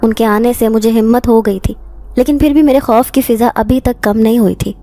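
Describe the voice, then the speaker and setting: A woman narrating a first-person horror story in a steady, dramatic storytelling manner. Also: fairly high pitch, no room sound.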